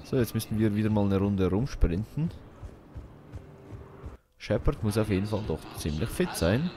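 A man's voice: lowish voice, lively intonation, moderate pace, noisy background. A man hosting a let's play, thinking aloud in colloquial, casual game commentary.

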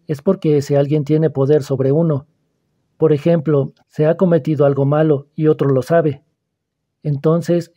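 A man reading the part of a calm, persuasive schoolboy who probes another boy's fears, in an audiobook. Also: fairly high pitch. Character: calm, probing, mysterious older schoolboy.

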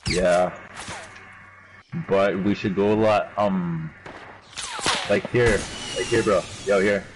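A man's voice: sits low, steady tone, slow pace, background noise. A man chatting over a video game, hesitant with many fillers and frequent swearing. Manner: mumbling, hesitant, swears a lot. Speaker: gamer. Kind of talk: casual game chat.

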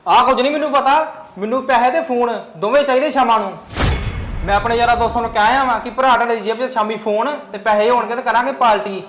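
A man's voice: very high-pitched, fairly bright tone, a little hiss or hum. A man playing a whiny spoiled teenage son. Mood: petulant. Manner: whiny, demanding, fast-talking. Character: spoiled younger son, late teens, sulky. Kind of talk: home-made family skit acting. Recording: echoey room, faint music.

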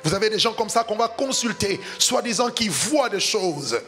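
A man's voice: sits high, animated, normal speed, bright, forceful tone, soft background music. A man pastor preaching a sermon in a sing-song cadence, climbing to emphatic peaks.

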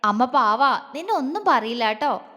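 A gentle, protective young lover, voiced by a woman narrator coaxes and teases in soft, affectionate tones. Her own high voice stays much as it is, wrapped in a long hall reverb. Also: expressive, normal speed. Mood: tender, coaxing. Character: loving, teasing young man, gentle and protective.

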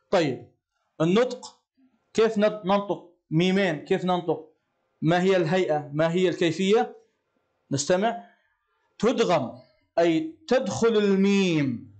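A man teaching a classroom lesson. He asks the class questions and answers them himself, and he slows down to chant verses. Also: high-pitched, darkish tone.

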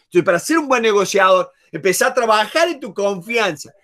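A man's voice: sits high, animated, a little fast, sharp tone. A man with an Argentine accent teaching a negotiation class, emphatic and repetitive, acting out short examples. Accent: Rioplatense Spanish. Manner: emphatic, repeats key words, acts out examples. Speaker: negotiation trainer. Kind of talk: lively online masterclass.

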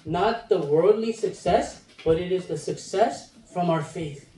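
Standing before a chalkboard with a handheld mic, a man in his thirties who serves as assistant pastor addresses young people. His voice is high yet dark in tone and unhurried, and he puts on playful voices to act out children's moods. The recording has a roomy echo, with the mic heard from afar.

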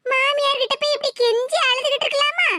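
A woman voicing a chattering, mocking young village wife with a Tirunelveli accent in an animated cartoon. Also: extremely high pitch, fast. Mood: gossipy. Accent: Tirunelveli Tamil. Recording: hissy home recording.

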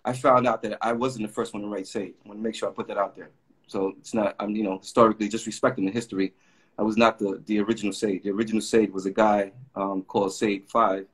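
On the low side and fairly flat in pitch, a middle-aged man's slightly rough voice moves at a quick pace. He's a graffiti artist from Puerto Rico, guesting on a casual interview via video call webcam and spinning long, meandering stories crammed with fillers.

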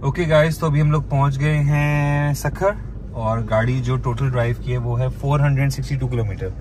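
A man's voice: medium pitch, steady tone, moderate pace, darkish tone. A man in his thirties driving and narrating a family road trip vlog, calling out distances and times like a commentator. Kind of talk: casual travel vlog narration. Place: inside a moving car on a highway. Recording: road and engine noise.

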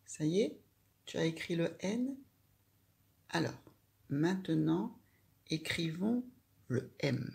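Slow, patient teacher woman, gravelly voice. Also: sits low, animated, a little mellow. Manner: slow, patient step-by-step instructions. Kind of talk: handwriting lesson for children.

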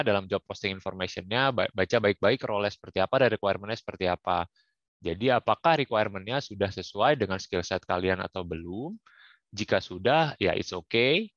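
Young male speaker, deep voice, casual advice delivered with frequent fillers; dry, dull recording. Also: fairly bright tone, no echo. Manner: casual, with frequent fillers and English career terms. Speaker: guest speaker. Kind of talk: online career talk. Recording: muffled, dry, lo-fi.

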